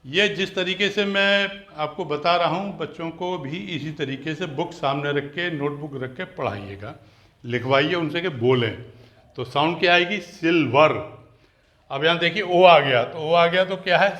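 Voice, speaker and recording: A man with a bright, fairly high voice teaches letter sounds to parents. He explains step by step, asks many questions, and repeats and stretches out words to show how each sound goes. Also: moderate pace. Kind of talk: phonics lesson for parents.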